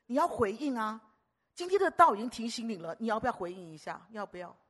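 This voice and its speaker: Animated woman preacher, high voice. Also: fast. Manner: animated, storytelling, rhetorical questions to the congregation. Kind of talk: lively sermon.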